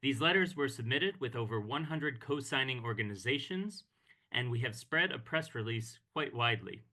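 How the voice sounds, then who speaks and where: Man, bright voice, formal measured speech, video-call microphone. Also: medium pitch, animated. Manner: formal, measured delivery with occasional hesitations. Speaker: executive director of a peace organization. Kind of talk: online meeting speech. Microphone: computer mic on a video call.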